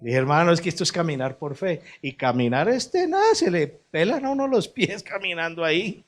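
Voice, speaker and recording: Man preaching, rising and falling. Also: fairly quick. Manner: swings from soft and low to loud and high, asking the congregation questions. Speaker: pastor. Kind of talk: sermon.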